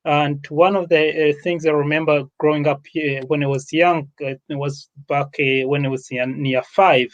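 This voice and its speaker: Speaking unscripted at an online summit, a man with a Ugandan accent drives his points home through repetition and emphasis. His fairly high-pitched voice keeps a fairly even intonation at normal speed with hardly any pauses, and the recording is muffled.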